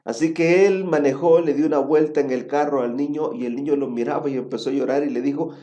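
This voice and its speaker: A man preaching a sermon, telling a story and often checking with his listeners with a quick "right?". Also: fairly high pitch, fairly even intonation, dark tone.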